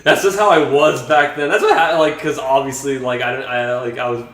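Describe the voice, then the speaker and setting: Playing a video game, a young vlogger speaks in a flat, dry, middle-pitched voice, stumbling through rambling bits full of fillers and false starts. The mic is far away, his voice echoes around the room, and game music plays clearly in the background.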